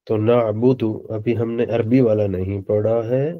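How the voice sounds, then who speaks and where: A man teaching a beginner Arabic lesson, speaking slowly and patiently and repeating words for his students. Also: lowish voice, steady tone, muffled recording. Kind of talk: online lecture in Urdu.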